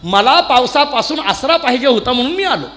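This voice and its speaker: A man voicing a calm young male saint who answers patiently and sweetly. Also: very high-pitched, a little fast, full character voice. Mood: gentle. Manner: gentle, patient questioning. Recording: long hall reverb.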